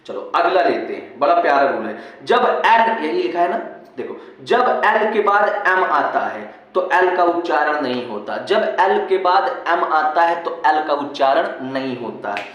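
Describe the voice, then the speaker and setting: A man teaching English pronunciation rules in a lesson, repeating each rule slowly and asking often whether the class understands. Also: a little high, very animated, a bit bright, muffled recording. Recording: very echoey room.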